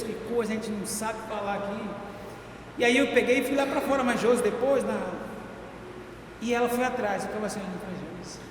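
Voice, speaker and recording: Opening a sermon in a large church hall, a Brazilian guest preacher welcomes the congregation and launches into a story from his own life. His voice sits high, and his warm storytelling builds to loud, excited punchlines. The sound is noisy and heavily reverberant from the hall.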